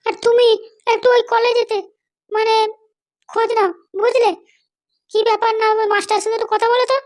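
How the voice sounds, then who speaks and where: Extremely high in pitch with little movement in it, a woman's fairly quick voice brings to life a cartoon mom who fusses over her grown son. She's doting but bossy, anxious, insistent and forever nagging.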